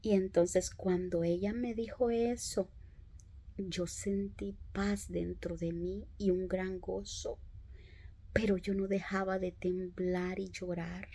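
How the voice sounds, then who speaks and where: A woman telling her conversion story as a church testimony, in an unhurried, reflective way with frequent hesitations. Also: mid-range voice, flat delivery, warm tone. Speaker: preacher giving testimony. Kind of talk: personal testimony in a church talk.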